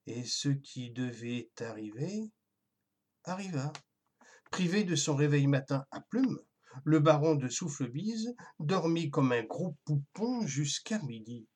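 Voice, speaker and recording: A storyteller giving a gentle, expressive scripted narration of a children's tale, with a husky voice. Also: medium pitch.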